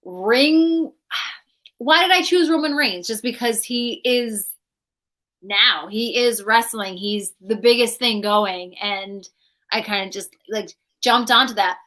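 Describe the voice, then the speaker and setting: A woman's voice: on the high side, takes it slowly, bright, forceful tone. A woman co-hosting a podcast in casual chat, talking freely and leaning on "like" as she explains her views. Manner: chatty, leans on "like" a lot. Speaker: podcast co-host.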